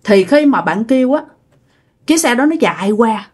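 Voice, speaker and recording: Talking straight to her audience, a woman with a Southern Vietnamese accent tells a ghost story in a chatty, filler-heavy way. She speaks at normal speed in an animated, high-leaning voice that's darkish with a breathy edge.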